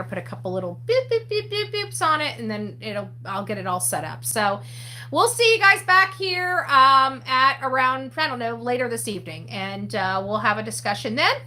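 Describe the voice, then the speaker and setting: In a slightly high voice, far from the mic in an echoey room, a woman running an online true-crime channel chats casually, rambling with many fillers and restarts. She wraps up with a loud, upbeat sign-off full of catchphrases.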